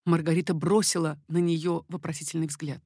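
A woman narrating a historical novel as an audiobook, with even, expressive storytelling. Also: deep voice, a little fast, no echo, clean studio sound.

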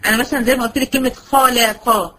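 A woman with an Egyptian Arabic accent teaching Quran recitation, patient and slowing right down to spell out sounds. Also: fairly high pitch, steady tone, pushed and bright, slight background noise, poor audio. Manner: patient, slows to a crawl when demonstrating words. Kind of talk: online Quran lesson.

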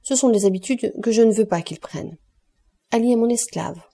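A woman reading an audiobook and voicing a composed, commanding aristocratic count who speaks calmly and with authority. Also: a little high, moderate pace.

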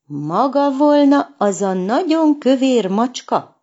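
A woman's voice: mid-range voice, big pitch swings, darkish tone, lo-fi sound, pitched above the performer's own voice. A woman voicing a prim, offended young female cat in a storybook. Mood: indignant. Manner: indignant, curt.

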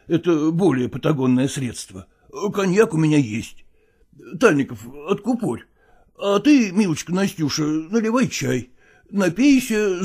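Evasive, self-pitying actor voiced by a male narrator who feigns illness, slow and moaning, with a lively melody. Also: on the high side, slightly rough, voice pushed up, full character voice. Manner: groaning, drawn-out and slow, wheedling. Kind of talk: audiobook character reading.

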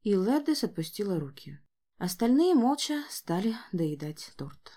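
A woman narrating a fiction audiobook in a lively, expressive way. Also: medium pitch, unhurried.

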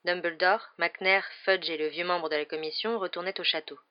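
Reading an audiobook at a steady, measured pace, a woman speaks in a fairly low voice. Sound quality is muffled and dull.

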